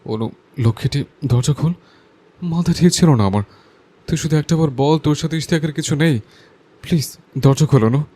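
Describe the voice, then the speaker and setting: An actor playing a hot-tempered, jealous young man in an audio drama, pleading and shouting through a door. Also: fairly high pitch, moderate pace, long pauses, natural voice. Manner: pleading then shouting threats.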